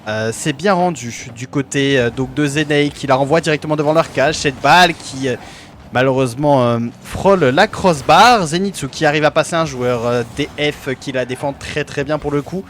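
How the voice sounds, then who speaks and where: A man's voice: a little high, normal speed, slight background noise. A man giving amateur play-by-play commentary on an esports match for his own team, hesitant, with many fillers and self-corrections.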